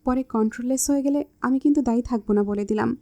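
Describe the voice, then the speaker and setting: A woman's voice: a little high, quick pace, mellow, natural voice. A woman voicing a teasing, bossy young man in love, with a smug manner.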